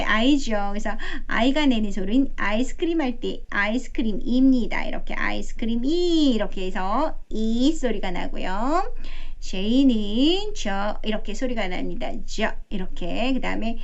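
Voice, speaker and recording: A middle-aged woman teaching English phonics, sounding out letters slowly and repeating each sound. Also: fairly high pitch. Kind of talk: phonics lesson. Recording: dull, lo-fi sound.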